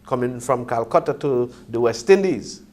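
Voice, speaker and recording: A man reasoning conversationally in Rasta discussion style, pausing for words and often checking that he is followed. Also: mid-range voice, animated, darkish tone. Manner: hesitant phrasing, often checks with "you see".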